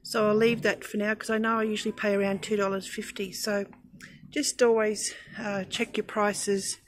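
A woman's voice: mid-range voice, flat delivery, moderate pace, a little hiss or hum. A middle-aged Australian woman vlogging her grocery haul, chatty and thrifty, listing items with frequent ums, filmed on a handheld phone. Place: discount shop aisle, then at home over groceries.

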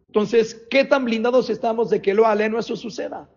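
Rabbi giving a sermon, high voice, dull lo-fi sound, keeps throwing questions at you. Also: male voice. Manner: animated, asks rapid rhetorical questions. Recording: dull lo-fi recording.

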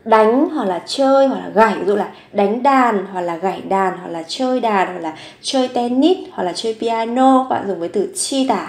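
A woman teaching Korean vocabulary, slowly repeating each word and example sentence. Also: mid-range voice. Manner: slow, careful repetition of each word. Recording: echoey room.

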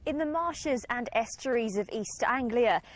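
A woman narrating a scripted news report in a crisp manner. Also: fairly high pitch, animated, measured pace.

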